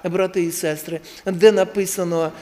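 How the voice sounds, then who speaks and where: A man preaching a sermon, calling out to his congregation with impassioned swings from hushed to loud exhortation. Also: high-pitched, fairly even intonation, normal speed. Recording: long reverb of a large hall.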